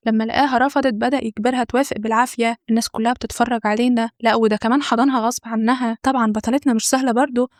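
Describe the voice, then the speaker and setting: A woman's voice: fairly high pitch, no room sound, studio quality. A young woman with an Egyptian accent narrating a drama recap, joking and slangy, with asides to the listener. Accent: Egyptian Arabic.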